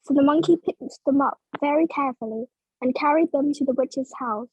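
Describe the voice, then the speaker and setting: High-voiced woman reading a storybook. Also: a little mellow, dry recording, low-quality recording. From Vietnam. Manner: slow, clear, simple storytelling. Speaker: narrator. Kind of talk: storybook read-aloud for English learners.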